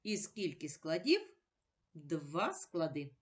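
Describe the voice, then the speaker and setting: A woman teaching a recorded primary-school lesson at an unhurried, careful pace. She pronounces each sound separately, asks a question and then gives the answer herself. Her pitch rises and falls a lot as she speaks to the children. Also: big pitch swings. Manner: deliberate, spells out sounds one by one.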